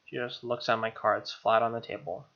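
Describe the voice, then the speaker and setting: A gaming video host reads a visual novel aloud, adding casual, snarky commentary with profane asides. His bright voice is fairly low and fairly even in intonation, at a moderate pace. The dull, lo-fi mic sits over game music with guitar.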